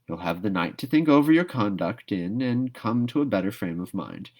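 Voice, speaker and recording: A man voicing a stern but fair middle-aged woman in a storybook, with a dry, measured, admonishing manner. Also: on the low side, lively intonation, darkish tone. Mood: reproving. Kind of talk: storybook read-aloud character voice.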